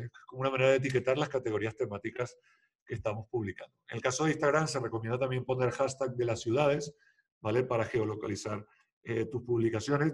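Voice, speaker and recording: A man giving an explanatory online lecture on social media, checking in often with the audience and using many fillers. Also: medium pitch. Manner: explanatory, frequent "¿vale?" check-ins and "eh" fillers. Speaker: social media marketing instructor. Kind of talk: webinar lecture with slides.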